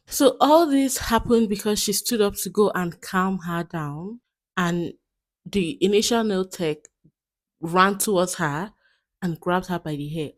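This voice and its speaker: Chatty woman hosting her channel. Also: mid-range voice. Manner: chatty, reacts in disbelief. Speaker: YouTube host. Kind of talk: channel commentary.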